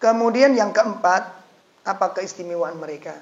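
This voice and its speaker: A man preaching an animated, joking sermon to an audience in a lecture hall. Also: high-pitched, normal speed. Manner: animated, joking, switching into local dialect. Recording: echoey, slightly dull lecture recording.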